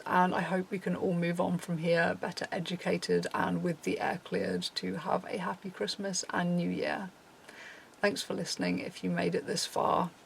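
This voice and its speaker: A man's voice: sits high, vocal fry, a little hiss or hum. A young man earnestly addressing his viewers in a serious apology video. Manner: earnest, reads from a prepared script. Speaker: channel host.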